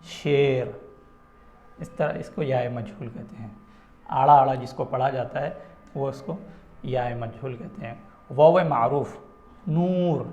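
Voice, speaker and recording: A man's voice: a little high, darkish tone, reverberant, dull audio. A man teaching a phonetics lesson, patiently sounding out example words one at a time.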